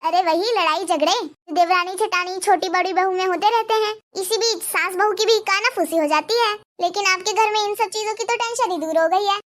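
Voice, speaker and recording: A woman's voice: extremely high pitch, a little fast, hardly any pauses, a bit bright. Woman voicing a meddling gossipy neighbor. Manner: chatty, probing, complaining. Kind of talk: cartoon dubbing.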